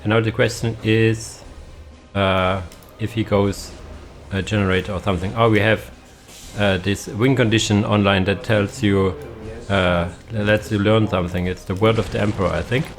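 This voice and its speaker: Casting note: young male game caster, lowish voice, halting casual delivery, faint music underneath. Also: little pitch movement. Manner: hesitant, many fillers and restarts.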